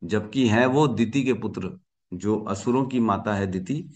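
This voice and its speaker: A man's voice: lowish voice, a little slow, a little mellow. A man teaching a scripture class, telling a story with questions and asides to the class. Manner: chants verses for the class to repeat.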